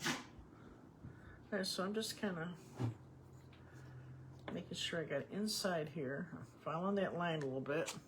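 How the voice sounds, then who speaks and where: A woman's voice: on the low side, moderate pace, pauses often, background noise. Chatty woman teaching painting. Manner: rambling, chatty, folksy, with asides and restarts. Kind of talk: casual painting tutorial.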